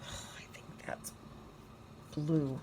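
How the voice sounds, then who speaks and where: A Canadian woman in her sixties runs a stitching channel from home, whispering as she works. Her chat is casual, slow and reflective, rambling along with plenty of fillers and soft murmurs to herself.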